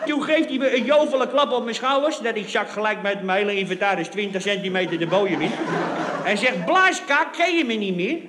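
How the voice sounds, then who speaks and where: A man's voice: fairly quick, a loud crowd. A man performing a comic monologue on stage, telling a story and acting out the voices of the people in it. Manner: storytelling to a laughing audience, switching between booming and muttering voices. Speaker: comedian. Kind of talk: comic monologue with acted quotes. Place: stage before an audience. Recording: echoey live stage with audience noise. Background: audience laughter.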